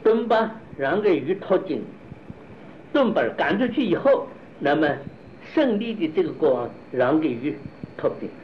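A man gives a Buddhist doctrinal lecture, talking in a halting way, restarting phrases and asking his listeners rhetorical questions. His voice sits somewhat high for a man. The recording sounds dull and lo-fi, with a faint hiss of noise underneath. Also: big pitch swings. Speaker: Buddhist philosophy teacher.

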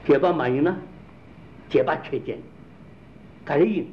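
A man with a slightly high voice talks a little slowly, explaining a problem and quizzing his listeners over and over with rhetorical questions to drill his points. The sound is dull lo-fi with faint noise.

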